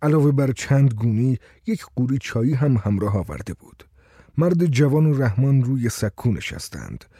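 A man's voice: mid-range voice, sing-song, mellow, slightly rough, no echo, studio quality. A man reading a story aloud as narrator, telling it expressively.

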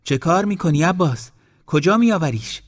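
A man's voice: fairly low pitch, steady tone, dark tone, slightly rough. A man voicing an agitated older village aunt who scolds her nephew, in a storybook reading. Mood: scolding.

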